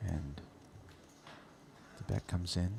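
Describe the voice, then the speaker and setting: A man commentates live on poker with a creaky, gravelly edge to his voice. His phrasing is wordy and florid. Faint noise and ambience sit behind him. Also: low voice, steady tone, slow pace, dark tone.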